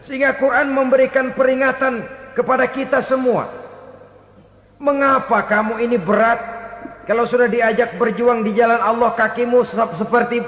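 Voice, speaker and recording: A man delivers a lively, animated sermon in a high voice. The sound is roomy, with a long hall reverb trailing each phrase. Now and then he slips into short mimicking asides. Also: normal speed. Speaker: preacher.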